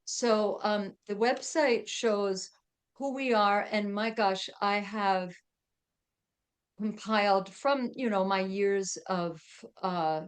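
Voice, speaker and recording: A woman's voice: medium pitch, clean tone. A middle-aged woman chatting as a podcast guest, with lots of fillers and frequent laughs. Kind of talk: casual interview chat.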